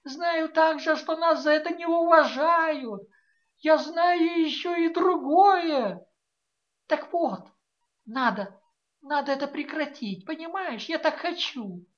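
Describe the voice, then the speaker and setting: A woman's voice: sits high, slow pace, muffled recording, pitched above the performer's own voice. Woman doing tearful young girl, theatrically pleading. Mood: insistent.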